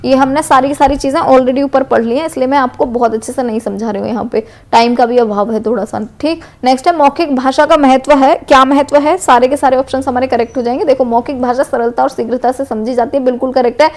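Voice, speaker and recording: Casting woman teacher, western UP Hindi accent, high voice, patient MCQ revision, tags lines with "है ना". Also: steady tone, fast talker, few pauses, a little mellow. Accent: western Uttar Pradesh Hindi. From Uttar Pradesh, India. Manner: explanatory, repeats "है ना" and "correct है". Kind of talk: exam MCQ revision lesson.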